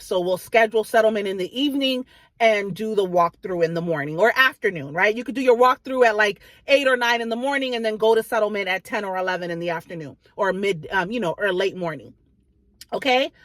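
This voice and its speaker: A woman's voice: mid-range voice, dry recording. A woman real estate agent talking informally to viewers, explaining advice in a conversational way and often checking that they follow. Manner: conversational, explanatory, checks understanding with "right?" and "okay?".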